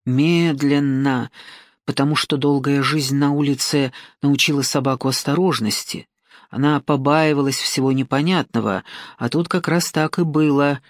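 Woman, audiobook narrator, scripted storytelling, even pace, wry asides, dry close recording. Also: low voice, dry recording.

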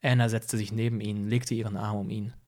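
A man reading a first-person audiobook in a calm, even storytelling manner. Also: on the low side, brisk. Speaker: audiobook reader.

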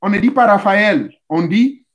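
Male spiritual teacher, high voice, didactic, talks straight to listeners, repeats steps. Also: animated, a little slow, highs cut off. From Central Africa. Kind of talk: instructional talk.

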